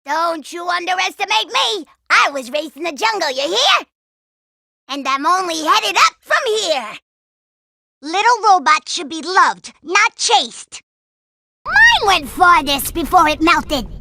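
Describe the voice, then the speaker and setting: A woman voicing a brash, excitable young female badger raised in the wild, in video game voice clips. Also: very high-pitched, takes it slowly, gravelly, no echo, full character voice. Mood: defiant. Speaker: game character.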